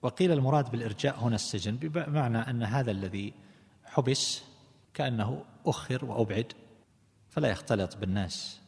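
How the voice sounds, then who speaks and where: A man teaching a lesson on scripture commentary, explaining each reading deliberately and correcting himself as he goes. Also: mid-range voice, creaky, darkish tone. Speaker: religious teacher. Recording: long hall reverb.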